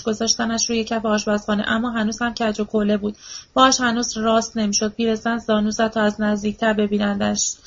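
A woman reads a novel aloud in a steady, even way. Her voice is fairly high and stays flat in pitch, and the recording sounds dull and lo-fi. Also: vocal fry. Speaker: audiobook narrator. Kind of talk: audiobook reading of a novel.

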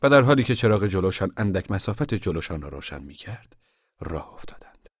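A man narrating an audiobook in a measured, even storytelling manner. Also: deep voice, dry recording, clean studio sound.

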